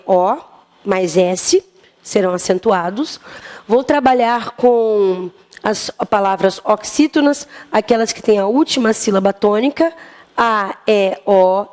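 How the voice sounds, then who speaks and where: A woman with a Brazilian Portuguese accent teaching an exam-prep grammar lesson, lively and often asking the class questions. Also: mid-range voice.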